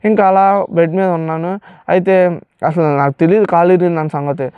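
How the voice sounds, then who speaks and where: A young man recounts his own testimony at a rapid, tumbling pace, his voice pitched a little high and sounding smooth and clear. The recording is dry and close, with no room around him. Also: no echo, narrow, tinny audio. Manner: fast emotional storytelling, acts out pleading quotes. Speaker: testimony speaker. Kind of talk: personal testimony.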